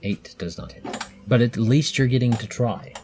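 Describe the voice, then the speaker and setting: Over a noisy background, a man in his thirties with a medium-pitched voice speaks at a normal speed. He's running a tabletop game for a child as game master, explaining the rules patiently and using lots of fillers.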